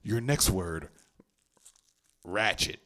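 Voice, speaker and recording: A man's voice: low-pitched, drawn-out words, fairly bright tone. A man hosting a podcast, teasing his guest as a playful quizmaster in casual chat. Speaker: podcast host running a slang quiz.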